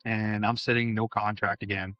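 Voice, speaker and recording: A man's voice: lowish voice, level tone, normal speed. A middle-aged man from Manitoba, a former pro hockey player, telling rambling stories in a casual interview, with restarts and bits of acted-out dialogue. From Manitoba, Canada. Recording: slightly dull audio with faint music.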